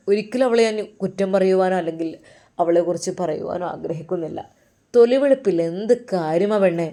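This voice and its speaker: A woman voicing a gentle young husband who talks softly and reassuringly. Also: lowish voice.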